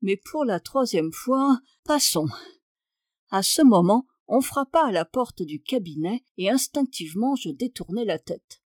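A woman reading a literary novel aloud with measured, wry storytelling. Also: medium pitch, expressive, darkish tone, no echo, studio quality. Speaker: audiobook reader. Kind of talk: literary narration.

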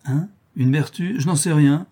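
A man's voice: fairly high pitch, moderate pace, mellow, voice pushed up, close to an everyday voice. A man doing a fussy old uncle. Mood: indignant. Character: fussy old uncle, retired teacher, fond of food.

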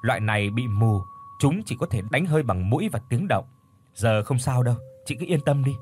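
A man voicing a calm young woman, a shaman's apprentice, patiently explaining in a spoken horror story. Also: mid-range voice, brisk, slight background noise, natural voice.

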